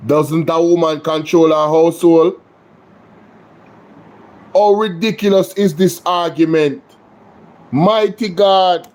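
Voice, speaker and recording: A man's voice: on the high side, slow, pauses often, a little mellow. A Jamaican man hosting a live political reaction stream, emphatic and indignant as he responds to clips. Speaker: political commentary host.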